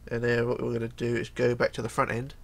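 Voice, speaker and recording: The delivery is fast and completely flat, in a creaky mid-range voice. It belongs to a middle-aged man, hoarse with a cold, hosting a casual game build tutorial at his home computer desk, where he chats, counts blocks out loud, and mumbles a lot.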